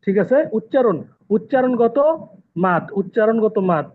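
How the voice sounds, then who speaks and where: High-voiced man teaching over a tinny line. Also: expressive, moderate pace, slight background noise. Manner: patient, repeats terms and asks students questions. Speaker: Quran recitation teacher. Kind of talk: online tajweed lesson. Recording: tinny phone-like call audio.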